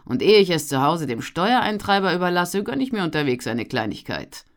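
A narrator voicing a jovial, stocky peddler in his thirties, calling out loudly and cheerfully in an audiobook. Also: sing-song, fairly quick. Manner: loud, cheerful, booming calls. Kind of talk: audiobook character voice.

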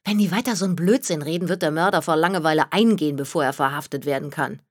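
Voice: mid-range voice, fast talker, dry recording, studio quality, natural voice. A reader doing a wry, tired young woman. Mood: sarcastic. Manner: sarcastic, teasing. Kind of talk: audiobook reading.

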